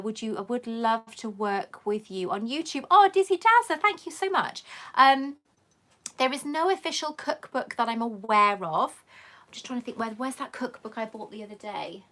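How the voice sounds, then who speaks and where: Her voice is on the high side and slightly bright. Hosting a live Q&A stream, this middle-aged woman chats and reads out viewers' comments in an accent blending southern English with Welsh, reflecting her English birth and Welsh upbringing.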